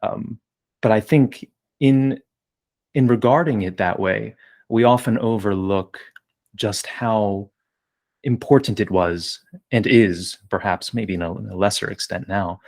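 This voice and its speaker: A man's voice: fairly low pitch, unhurried, darkish tone. A man from New Jersey hosting an interview podcast, asking long winding questions with many fillers. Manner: discursive, wordy, many fillers. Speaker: podcast host.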